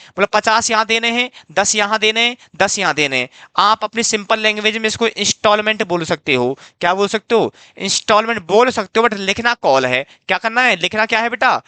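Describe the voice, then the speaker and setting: A man's voice: high-pitched, pushed and bright, clean tone, no room sound. A man teaching an accounting class, coaxing and repetitive, quizzing his students and calling them dear. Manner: coaxing, repeats himself, quizzes students, calls them "beta". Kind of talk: classroom lecture.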